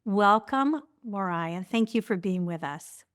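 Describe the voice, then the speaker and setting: A woman hosting a podcast interview, speaking with eager enthusiasm and praising her guest. Her voice is of middle pitch, and the recording is dry and close. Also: lively intonation, slow pace, fairly bright tone, clean tone, no room sound. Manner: enthusiastic and complimentary. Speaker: podcast host. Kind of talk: hosted interview.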